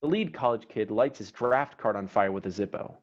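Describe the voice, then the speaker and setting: A man reads the stage directions from a screenplay in a scripted performance, his voice on the low side, expressive and fairly quick. The online recording sounds dull and noisy, with clicks.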